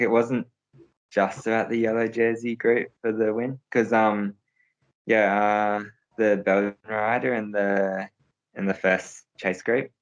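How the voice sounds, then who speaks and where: Deep, flat-voiced young man, hesitant. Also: poor audio. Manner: hesitant, many fillers and restarts. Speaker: interviewed pro cyclist. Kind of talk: casual interview answers.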